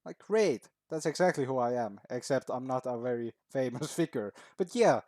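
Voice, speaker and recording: A man in casual reaction mode, talking at a medium pitch and sprinkling in swear words and chuckles. His voice is recorded close and dry, with no room sound around it. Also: lively intonation, moderate pace, darkish tone, no echo. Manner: casual, swears often, laughs at his own points. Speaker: reaction video host.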